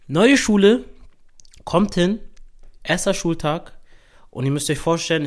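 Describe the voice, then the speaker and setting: Young guy podcast host telling a story, casual and animated, slangy, lots of little filler words. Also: medium pitch.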